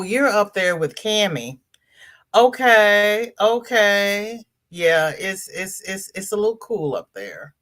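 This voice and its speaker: With a medium-pitched, fairly bright voice, a livestream host chats casually about crafts. She sounds congested as she welcomes viewers by name and reads out what they've commented.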